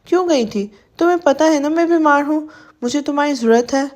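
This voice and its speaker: A man's voice: extremely high pitch, mellow. A woman reading a bitter, irritable young husband.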